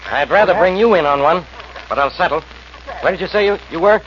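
An actor playing a sarcastic, blustering police homicide inspector in a 1940s radio crime drama. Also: male voice, high voice, a little fast, natural voice. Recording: dull old radio recording, faint noise.

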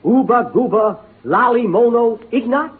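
A man's voice: very high voice, unhurried, husky, heavily acted. A man playing a brash, wisecracking male explorer in a 1930s radio comedy, full of puns. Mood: cocky. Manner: wisecracking, punning. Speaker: comic lead. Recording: tinny lo-fi 1930s radio broadcast, studio audience.

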